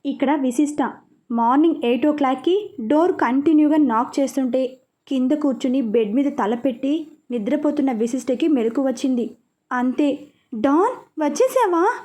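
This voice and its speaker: A woman storyteller narrating a serialized romance story in a steady, plain way. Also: high voice, moderate pace.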